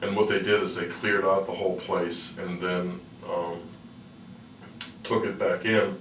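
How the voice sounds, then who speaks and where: Male interview guest, low deep pitch, halting folksy storytelling, off-mic, slight background noise. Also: level tone, a bit bright. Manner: halting, repeats words, folksy. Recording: roomy, distant mic with faint noise.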